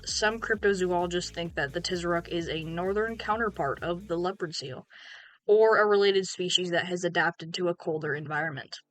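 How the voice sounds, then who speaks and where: A woman's voice: lowish voice, a bit bright, no room sound. A young woman hosting a video, reading from an article in a casual way, with ums and restarts. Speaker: YouTube host. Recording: faint background music.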